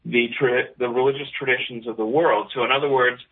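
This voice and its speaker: A man speaks over a speakerphone on an internet call, his voice squeezed into a narrow, phone-like band. He talks in a middle pitch and explains his idea haltingly, filling pauses with ums. It sounds like a listener's call into a talk show. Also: fairly even intonation, breathy edge. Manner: hesitant, many ums, explanatory. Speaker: caller. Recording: tinny phone-like call line.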